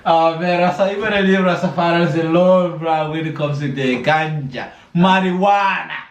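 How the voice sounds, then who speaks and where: A man chatting casually as he reacts to a video, animated and repeating phrases for emphasis. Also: fairly high pitch, normal speed, dull audio. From Africa. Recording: roomy, distant mic, clearly noisy.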